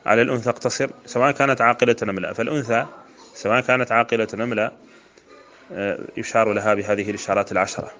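A man's voice: on the low side, steady tone, rapid-fire, fairly bright tone. A man from Mauritania, a sheikh teaching grammar, who goes through a poem line by line, repeats word forms and chants the verses he quotes. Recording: dull lo-fi recording.

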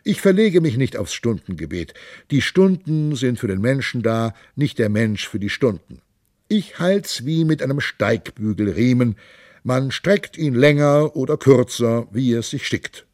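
A man's voice: animated, measured pace, no room sound, studio quality, natural voice. A man doing a boisterous, bawdy drinking monk. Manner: loud, hearty, high-pitched boisterous delivery. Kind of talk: audiobook character voice.

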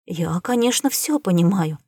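Woman voicing an excitable alien trader. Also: on the low side, breathy edge, no echo, studio quality. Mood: earnest, loud. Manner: eager, gasping, quick to believe. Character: gullible excitable male alien trader, gossip. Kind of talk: audiobook character reading.

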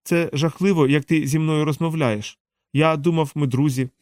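A man voicing a gentle, timid male alien robot who pleads in a hurt, higher voice. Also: fairly even intonation, normal speed, dry recording, clean studio sound, natural voice. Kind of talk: audiobook character reading.

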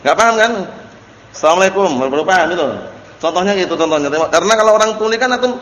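A man's voice: high voice, expressive, very fast, a bit bright. A man teaching a religious study class, explaining Arabic text and often asking his students questions. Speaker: Islamic teacher. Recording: echoey hall recording with faint noise.

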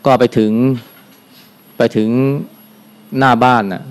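An older man, a Buddhist monk, giving a dharma talk in a calm, unhurried way, softly ending his phrases with a gentle particle. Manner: calm, unhurried, adds a soft "na" at the end of phrases.

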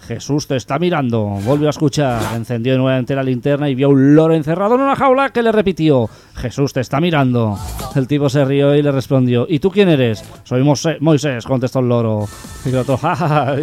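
Radio humor host, male, reads news and gags in a slightly high voice, soft music behind. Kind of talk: reading news and jokes on radio.

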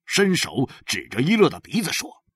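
A man narrating a story aloud, with a lively, expressive reading. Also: normal speed, slightly rough, no echo, studio quality. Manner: lively, expressive reading that swings widely in pitch. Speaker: audiobook narrator.

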